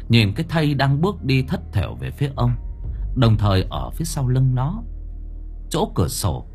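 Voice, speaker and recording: A man narrating a spooky audiobook story in an expressive, vivid way. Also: lowish voice. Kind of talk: dramatic horror story narration.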